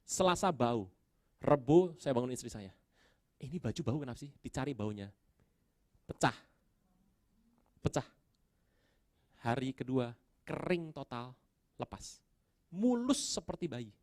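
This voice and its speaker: A middle-aged pastor tells a story in his sermon and acts out every exchange, his voice leaping high for the dramatic moments. His pitch sits in an ordinary middle range. The sound is dry and close, with no room in it. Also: unhurried, long pauses, no echo. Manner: animated storytelling, acting out his own prayers and dialogue with big pitch jumps.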